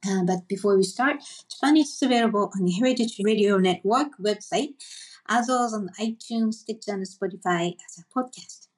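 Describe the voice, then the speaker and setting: A woman with a medium-pitched, brisk voice hosts a food podcast. She steadily reads a prepared introduction, then puts short questions to her guest.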